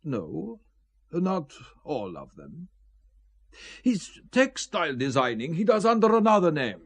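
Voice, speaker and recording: In a spy thriller audio drama, a male actor voices a suave, menacing Italian count who deals in shady art, sounding urbane, deliberate and guarded. It's a full character voice, a little high and slightly rough, with wildly swooping pitch.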